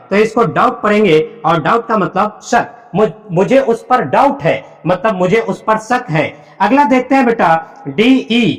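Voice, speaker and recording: A man teaching an English spelling lesson, spelling words out letter by letter and quizzing pupils with repeated questions. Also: high voice. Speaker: English teacher at a coaching center. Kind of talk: classroom lesson.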